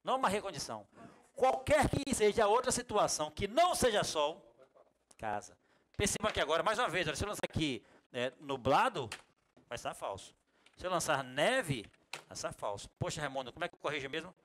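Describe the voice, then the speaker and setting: A man with a Bahian Brazilian accent teaching a computer class in a classroom, lively and jokey, talking straight to his students. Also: sits high, normal speed. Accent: Bahian Brazilian Portuguese. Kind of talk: classroom lecture.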